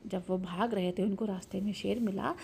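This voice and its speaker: A woman teacher telling a story to children in a lively, animated way, retelling each part twice. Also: medium pitch, moderate pace, vocal fry, a little hiss or hum.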